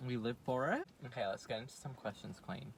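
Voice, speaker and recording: A man's voice: medium pitch, fairly quick. Young man, rambling casual chat, faint background hum. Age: young adult. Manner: chatty, rambling storyteller full of "like". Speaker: vlogger.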